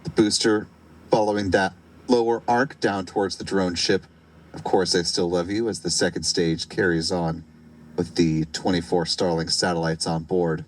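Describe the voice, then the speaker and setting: A man giving measured, explanatory live technical commentary as a webcast commentator. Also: deep voice, fairly even intonation, rough recording.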